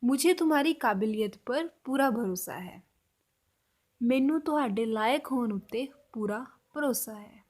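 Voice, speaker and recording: A woman teaching a spoken language lesson, slowly repeating example phrases for learners. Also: on the high side, expressive, a little mellow.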